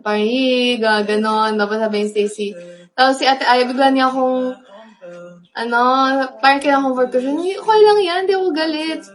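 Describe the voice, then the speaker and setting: A young woman with a Filipino accent, casually telling a story, animated and laughing as she acts out what was said. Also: sits high, moderate pace, a crowd in the background, rough recording. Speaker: pop group member.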